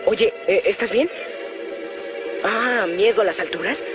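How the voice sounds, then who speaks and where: An actor with a Latin American accent voicing a gentle, caring, slightly awkward teenage boy in a cartoon. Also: sits high, measured pace, over music. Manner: soft, hesitant, reassuring. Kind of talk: cartoon dub.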